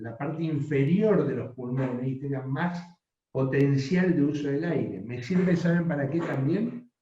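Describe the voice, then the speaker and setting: A man's voice: a little high, warm tone. A man teaching a voice workshop, often checking with the class. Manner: instructive, asks the class frequent yes-or-no checks. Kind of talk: voice and speaking workshop. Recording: distant mic in an echoey, dull-sounding room.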